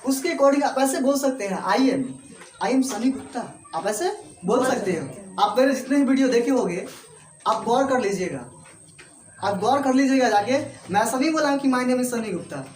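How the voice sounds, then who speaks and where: A man's voice: extremely high pitch, expressive, normal speed, reverberant, soft background music. A man teaching English to a class with an Indian accent, repeating points and often checking that students follow. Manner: repetitive, checks understanding often.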